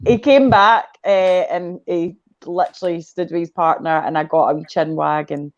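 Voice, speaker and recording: A Scottish guest on a casual video call tells a rambling, tangent-filled story at a moderate pace. Her voice sits on the low side, and the recording sounds muffled.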